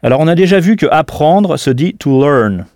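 A man's voice: on the high side, lively intonation, moderate pace, darkish tone, no room sound, studio quality. A man teaching a scripted audio language lesson, patient and didactic, prompting the listener to answer.

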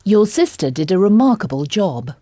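A woman's voice: mid-range voice, very animated, normal speed, dark tone, no room sound, clean studio sound. A woman taking part as a student in an audio language lesson, answering short prompted sentences.

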